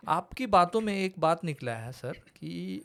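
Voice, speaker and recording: A man's voice: high voice, expressive, unhurried, creaky, sharp tone. A man, hosting a podcast, asking questions and nodding along with short acknowledgements. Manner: attentive, frequent short acknowledgements, personal examples. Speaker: podcast host. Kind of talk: interview questioning.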